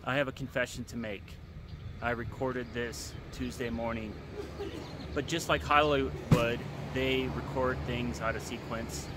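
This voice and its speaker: Medium in pitch and a little slow, a man in his forties narrates a casual road-trip vlog to his phone camera at arm's length. His talk is relaxed and chatty, recorded in the moving car and at outdoor stops, with road and car noise in the background.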